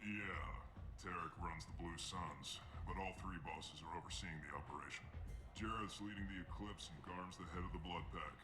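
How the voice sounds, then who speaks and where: Man acting a very deep, jaded mercenary recruiter. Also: fairly even intonation, normal speed, roomy sound, lightly acted. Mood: jaded, matter-of-fact. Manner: curt, dismissive, businesslike. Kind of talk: video game dialogue. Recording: loud music behind.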